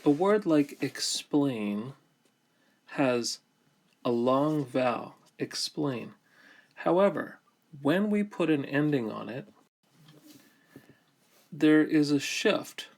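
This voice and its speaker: Slow, gravelly-voiced male language teacher. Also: a little high, animated, darkish tone. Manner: slow, deliberate, pausing between phrases. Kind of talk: explanatory grammar lesson.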